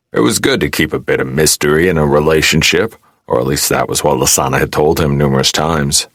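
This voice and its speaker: A man reading a post-apocalyptic fantasy audiobook, with a very deep, low voice. He tells the story steadily, with a wry, gruff edge, recorded close on a dry mic. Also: a bit bright, no room sound. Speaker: audiobook narrator. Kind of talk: scripted narration.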